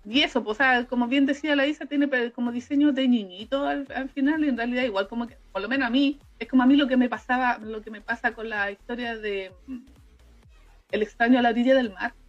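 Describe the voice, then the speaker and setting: A woman's voice: on the high side, fairly even intonation, quick pace, highs cut off, soft background music. A Chilean woman co-hosting a podcast, chatting casually about an anime and often restarting her sentences. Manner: chatty, hesitant, trailing restarts. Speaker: podcast co-host. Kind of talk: casual anime review chat.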